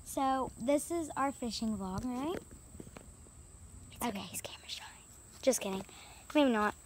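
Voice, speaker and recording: A woman's slightly high, expressive voice moves a little slowly as she vlogs casually next to a small creek. She rambles upbeat into a handheld camera, leaning on lots of fillers, with slight noise in the background.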